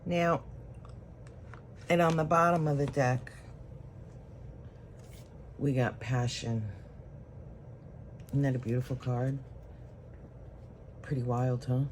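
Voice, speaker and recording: A tarot reader speaks directly to the viewer in a solo reading, thinking aloud in an unhurried way while drawing cards. The voice is medium-pitched with fairly even intonation, and there's slight background noise.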